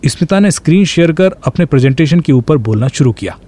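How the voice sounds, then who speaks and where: A man's voice: a little high, lively intonation, fast, mellow. A man narrating a scripted suspense story in a dramatic way.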